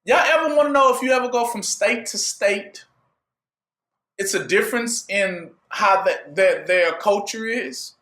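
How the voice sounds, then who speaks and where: A man with a high, ringing voice preaches a sermon in a call-and-response manner, posing questions for his listeners to complete. His bright tone carries through a reverberant room. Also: unhurried.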